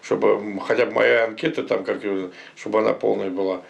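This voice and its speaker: A man's voice: fairly low pitch, fairly even intonation, fairly quick, vocal fry. A man chatting casually and bluntly, with slang and swearing. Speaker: village resident being interviewed. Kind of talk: casual chat.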